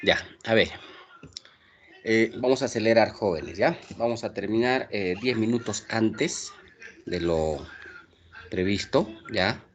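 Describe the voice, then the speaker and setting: A man teaching an online language class, possibly with a Peruvian accent, moving quickly through exercises and checking in with his students. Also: fairly low pitch. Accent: Peruvian Spanish. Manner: brisk, checks understanding with frequent tag questions.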